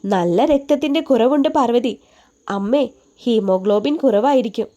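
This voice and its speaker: A woman's voice: on the high side, expressive, normal speed, mellow, dull audio, natural voice. A woman voicing a young male doctor who teases and looks out for a young woman, bantering with his mother. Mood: teasing, concerned. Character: young man, a doctor, teasing and protective.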